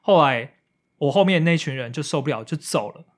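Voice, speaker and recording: A man's voice: a little high, lively intonation, a little fast. A man co-hosting a podcast, telling a story in casual chat and acting out quotes with English slang. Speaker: podcast co-host.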